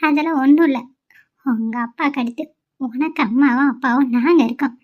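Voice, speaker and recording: A woman's voice: high-pitched, fairly quick, lightly acted. A woman voicing a caring, middle-aged mother-in-law in a cartoon, speaking in a motherly, chiding way. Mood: comforting. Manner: motherly, chiding, warm-hearted. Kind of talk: amateur cartoon voice acting. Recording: dull lo-fi sound.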